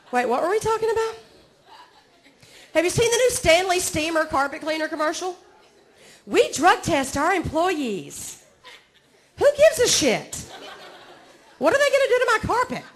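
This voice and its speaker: Her pitch is extremely high and a bit bright. She's a Southern-accented woman in her forties from Georgia, doing a stand-up set at a comedy club where she mocks herself and talks with the audience.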